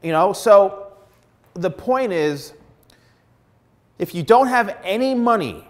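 Male stylist host, 40s, blunt and emphatic, lapel mic, slightly high voice. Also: animated, takes it slowly. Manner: emphatic, blunt, repeats words for stress. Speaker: hairstylist giving advice. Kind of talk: direct-to-camera advice vlog. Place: plain studio backdrop indoors.

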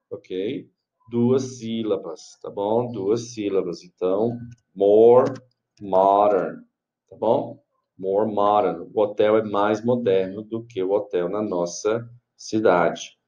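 A Brazilian man teaches English grammar at an unhurried, deliberate pace, repeating each answer and checking that students follow. His voice is mellow and dark, and the recording sounds dull and lo-fi. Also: on the low side. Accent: Brazilian Portuguese. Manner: slow, patient, repeats and checks with "tá bom?". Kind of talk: explaining an online grammar exercise.

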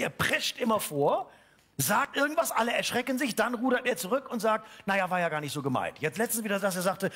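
A man's voice: high-pitched, breathy edge, exaggerated voice. A man playing a ranting gag writer. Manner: earnest ranting, ironic, sings mock prayer. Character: desperate male gag writer of a TV show. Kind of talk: satirical stage monologue and comic song. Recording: loud instrumental backing music.

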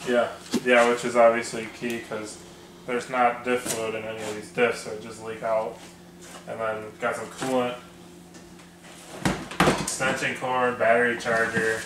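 A man casually chatting about his off-road gear, relaxed and rambling with lots of fillers. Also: mid-range voice, a little slow, long pauses. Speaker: off-road video host. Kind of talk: casual garage chat. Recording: echoey room with faint noise.

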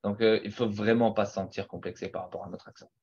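A man's voice: lowish voice, steady tone, fast, a little mellow, breathy edge. A man on a video call, joking and telling anecdotes in a casual panel discussion. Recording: dull lo-fi call audio.

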